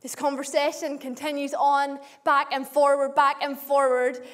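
A woman preaching a sermon in slow, deliberate phrases, often repeating a line for emphasis. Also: sits high, flat delivery. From Australia.

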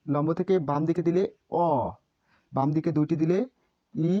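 A man's voice: fairly high pitch, fairly even intonation, moderate pace, no echo, highs cut off. A man teaching a basic language class, repeating sounds and often correcting himself. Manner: repetitive, drilling, self-correcting teacher. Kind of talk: classroom lesson.

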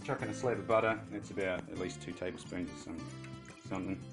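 A man with a broad New Zealand accent chatting casually through step-by-step instructions, laid-back and slangy with dry, deadpan humour. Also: low-pitched, fast, loud music behind the voice. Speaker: home vlogger giving cooking and DIY tips. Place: house rooms, kitchen and garden. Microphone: handheld or propped phone.

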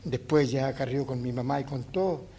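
A man's voice: mid-range voice, normal speed, dark tone, slight background noise. A man with a Chilean accent telling stories on stage in a colloquial, rambling way, chuckling as he goes. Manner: folksy, chuckling, rambling with restarts. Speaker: musician telling anecdotes on stage. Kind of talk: colloquial live storytelling.

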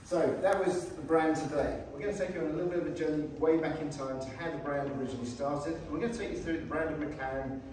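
A man from a company's PR team, giving a relaxed, conversational presentation in an indoor showroom. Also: fairly high pitch, fast talker, hardly any pauses. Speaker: company PR representative. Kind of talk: guided presentation. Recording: very echoey room, distant mic, background noise.

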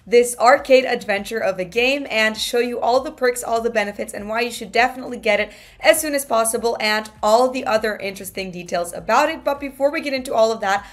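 A woman's voice: fairly high pitch, fairly quick, few pauses. A woman hosting her channel, giving an enthusiastic, promotional review of a game while reading its website text aloud with fillers.

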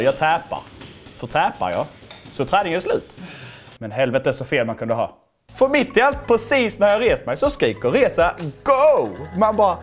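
A young man casually commenting on his own fight footage, animated and self-mocking, swearing freely. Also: mid-range voice. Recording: faint music underneath.

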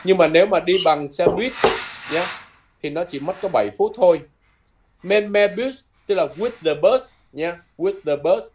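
A man teaching a language lesson, patiently repeating words slowly and ending his phrases with soft tags. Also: on the high side, slight background noise. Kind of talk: lesson explained from a textbook.

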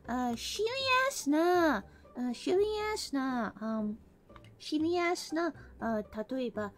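A woman from the American South giving a casual live-streamed English lesson, playful and breaking into mock-angry rough slang. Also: high-pitched.

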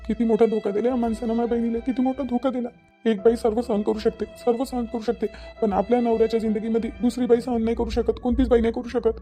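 A man's voice: very high-pitched, little pitch movement, quick pace, warm tone, faint music behind. A man with a Vidarbha Marathi accent voicing a young cartoon brother, bitter and reproachful, repeating his words. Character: heartbroken young man defending his sister. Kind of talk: cartoon dialogue acting.

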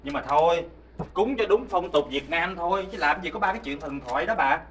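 Quick-talking, grumbling husband; distant stage mic, comedy. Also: male voice, a little high, animated, fairly bright tone. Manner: grumbling, mocking.

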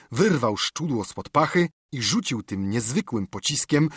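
Husky male audiobook narrator. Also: mid-range voice, a bit bright, no echo, studio quality. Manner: measured, literary. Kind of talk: scripted narration.

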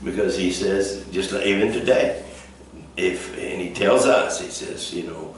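A man leads a casual Bible study, talking in a folksy, meandering way with lots of fillers. His voice sits a little low. It is picked up from a distance in a very echoey room with a faint hiss behind it. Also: measured pace. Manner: folksy, rambling, with many fillers and restarts. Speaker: pastor leading a Bible study. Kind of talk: casual teaching.

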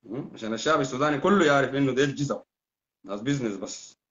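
Fiery fast-talking Sudanese man. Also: medium pitch, a bit bright. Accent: Sudanese Arabic. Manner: fast, heated, insulting, repetitive. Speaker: live-stream host. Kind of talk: heated political live-stream rant. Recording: dull lo-fi sound.

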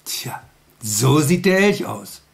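A man's voice: mid-range voice, big pitch swings, slow pace, creaky. A man telling a story to children in a playful, chatty way, asking the kids questions.

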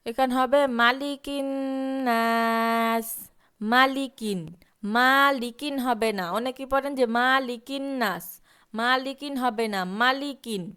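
Bengali-native woman teacher, higher-pitched, crisp and clean tone, unhurried recitation drill with quick asides. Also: steady tone, sharp tone. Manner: slow drawn-out recitation mixed with quick spoken explanations. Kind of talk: recitation lesson, sounding out letters and vowel marks.

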